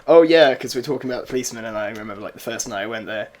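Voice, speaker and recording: A man's voice: mid-range voice, rapid-fire. A young English man co-hosting a podcast, rambling through stories in casual chat with many fillers and laughs. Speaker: podcast co-host.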